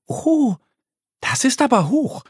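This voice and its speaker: A man doing a squeaky little duck girl. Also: big pitch swings, moderate pace, dry recording, studio quality. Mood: delighted. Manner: high squeaky childlike voice. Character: little female duck, curious and cheerful. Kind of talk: children's audiobook storytelling.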